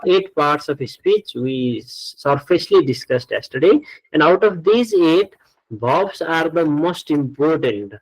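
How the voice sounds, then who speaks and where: A man's voice: fairly high pitch, poor audio. A man with a Nepali accent teaching English grammar in an online class, explaining didactically and repeating his points for emphasis.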